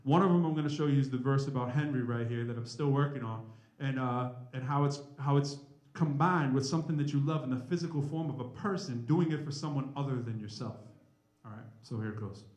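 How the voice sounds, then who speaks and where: A rapper and mathematics professor in his forties gives an energetic, informal talk mixed with spoken-word rap to a live audience at an indoor college event. He speaks conversationally at medium pitch and a fairly quick pace, and the recording is roomy and echoing.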